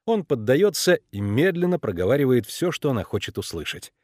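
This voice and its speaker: A man reads an audiobook aloud with lively, animated pitch movement. The recording is dry and close, with no room around the voice. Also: a little fast, no echo. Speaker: audiobook narrator. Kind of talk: scripted narration.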